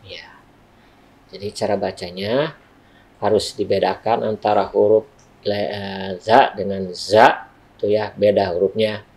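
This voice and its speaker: Soft-spoken man teaching recitation. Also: fairly low pitch, little pitch movement, husky. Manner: patient, explains slowly with many "ya" tags. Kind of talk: Quran recitation lesson. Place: school studio.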